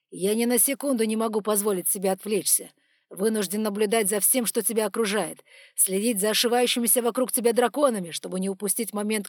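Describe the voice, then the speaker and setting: A woman voicing a stern, controlled male dragon who speaks measured and through clenched teeth, in an audiobook. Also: mid-range voice, a little mellow, no room sound, studio quality, lightly acted.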